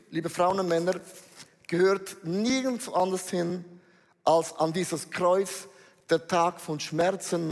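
High-voiced man preaching in a big hall. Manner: emphatic, drops in English phrases. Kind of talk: sermon. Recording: reverberant hall.

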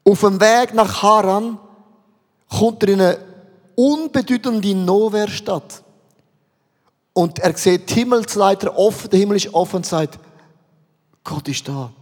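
A man's voice: high voice, a little slow, pauses often, long reverb tail. A man with a Swiss German accent preaching a sermon to a congregation, asking many rhetorical questions. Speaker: pastor.

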